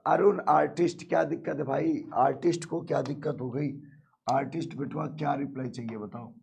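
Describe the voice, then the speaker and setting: A man's voice: on the high side, steady tone, brisk, vocal fry, darkish tone, slightly rough. A male math teacher with a sore throat, teaching a live online class, keeps asking students questions and calling them "beta".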